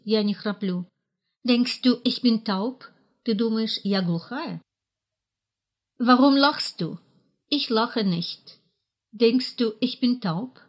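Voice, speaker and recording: Woman teacher reading practice dialogues, slow and very clearly pronounced. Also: fairly high pitch. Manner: slow, carefully enunciated drill reading. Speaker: language teacher. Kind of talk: recorded language lesson.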